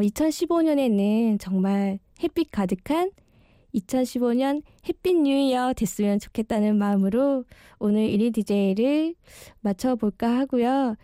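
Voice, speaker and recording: A bashful, sincere woman in her early thirties takes the mic as a one-day amateur DJ for late-night radio, speaking a personal monologue. Dental braces make her speech slightly slurred, and her slightly high voice has a warm tone. It's recorded in studio quality with no room sound.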